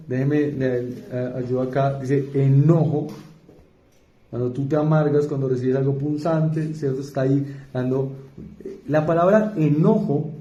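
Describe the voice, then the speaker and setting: A man with a Colombian accent preaching an evangelical sermon, moving between fast emphatic repetition and slow quiet asides, often asking the congregation questions. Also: medium pitch. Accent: Colombian Spanish. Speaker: pastor. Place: church. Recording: echoey church hall.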